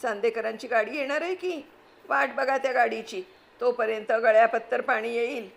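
A woman voicing a bossy middle-aged wife who scolds and commands her husband in a sharp manner, read from a storybook. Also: on the high side, normal speed, vocal fry. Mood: scolding. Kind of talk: storybook reading.

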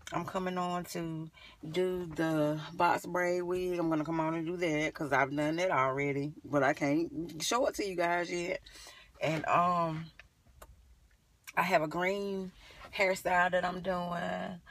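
A young adult woman with a fairly low, fairly even voice speaks slowly and casually to camera as a beauty vlogger, rambling informally while she thinks aloud. She sits in a parked car, recorded on a phone held at arm's length, so the sound is slightly distant with a little background noise.

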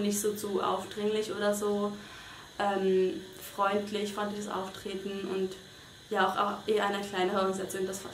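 Hesitant young woman, echoey room. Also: medium pitch. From Switzerland. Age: young adult. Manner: hesitant, many fillers and restarts. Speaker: volunteer interviewee. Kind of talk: casual interview answers. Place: small bedroom indoors. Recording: echoey room with faint noise.

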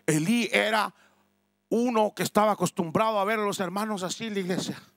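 A male pastor preaching a sermon at a family retreat, emphatic, swinging between loud cries and hushed asides. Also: high-pitched, brisk, vocal fry, no room sound, studio quality. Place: church family retreat hall.

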